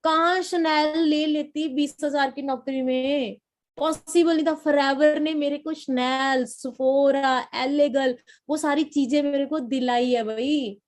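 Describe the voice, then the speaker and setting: A young woman from Punjab giving a lively, repetitive training talk to a sales team as its trainer. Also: high voice, slow pace. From Punjab, India. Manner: coaching, repetitive, lively storytelling. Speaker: network marketing trainer.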